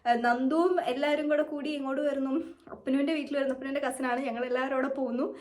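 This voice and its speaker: Fast-talking young Malayali woman vlogger. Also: high-pitched, little pitch movement, a little mellow. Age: young adult. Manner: chatty, rambling, mixes English words in. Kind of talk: casual storytelling to camera.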